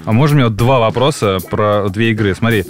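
A man's voice: lowish voice, soft background music. A man hosting a podcast, chatting casually and eagerly, often agreeing. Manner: quick, eager, many agreeing yeses. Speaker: podcast host.

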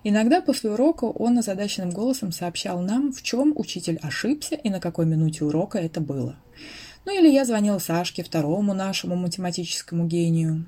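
A woman reading a first-person audiobook, expressive storytelling narration. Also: medium pitch, quick pace.

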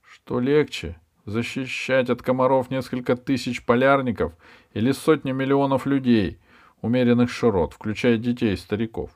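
A man's voice: lowish voice, very animated, unhurried, voice pushed up. A man doing a cocky young scientist. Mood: excited. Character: boastful young male biologist, impatient and sure of himself.

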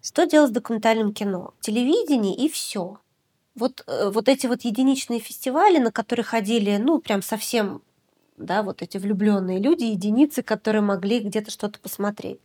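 A woman's voice: medium pitch, a little fast, dark tone. A woman documentary director from Yakutia, talking through her work in a podcast interview, reflective and full of hesitations. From Yakutia, Russia. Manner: reflective, hesitant, many filler sounds.

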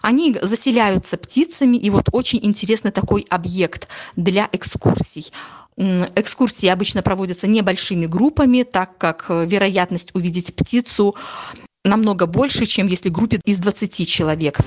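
Mid-pitched woman explaining in an interview. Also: normal speed. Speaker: tourism manager at a nature reserve.

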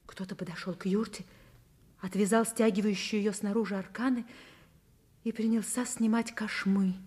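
A woman's voice: mid-range voice, darkish tone, husky. An actress playing an anguished, defiant woman telling her story in a theatrical old Soviet radio drama style of the 1960s. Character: anguished, defiant woman recounting her forced marriage at fifteen. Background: music.

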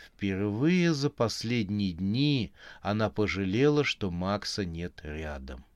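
A man narrating an audiobook in an even, measured storytelling manner. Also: fairly low pitch, smooth, no echo, clean studio sound.

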